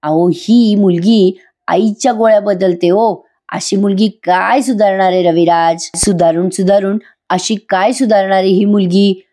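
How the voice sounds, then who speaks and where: A woman voicing a sharp-tongued older woman who mocks a young woman. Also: medium pitch, steady tone, unhurried, natural voice. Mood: scornful.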